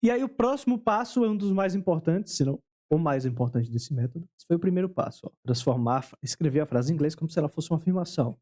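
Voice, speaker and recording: A man's voice: fairly high pitch, dark tone. A Brazilian man teaching English grammar in Portuguese, patiently repeating key words and quizzing the viewer with questions. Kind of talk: explaining English grammar at a board.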